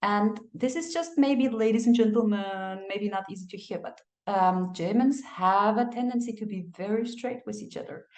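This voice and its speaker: A woman giving animated migration advice, telling stories and acting out the people she quotes. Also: medium pitch, moderate pace, few pauses. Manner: expressive storyteller, acts out quotes, laughs. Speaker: migration advisor. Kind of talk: animated advice talk with anecdotes. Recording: echoey room.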